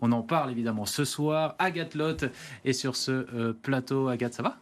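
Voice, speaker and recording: A man's voice: mid-range voice, normal speed. A man presenting a regional TV culture show in a studio, with frequent hesitations. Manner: hesitant, many "euh" fillers. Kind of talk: studio talk show hosting. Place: TV studio set.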